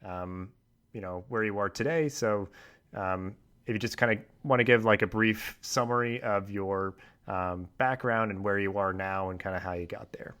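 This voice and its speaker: A man's voice: lowish voice, normal speed, no echo. A man hosting a podcast, talking casually with lots of filler words as he introduces the episode and reads a sponsor message. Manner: relaxed, many fillers. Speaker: podcast host.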